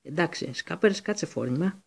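A man's voice: fairly high pitch, animated, creaky, breathy edge, voice pushed up, heavily acted. Ron, a man doing him, raised and agitated. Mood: irritated. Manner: agitated, fussing. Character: flustered teenage schoolboy with pet rat.

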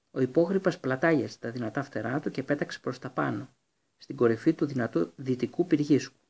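Husky man narrating an audiobook. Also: mid-range voice, darkish tone. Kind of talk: scripted narration.

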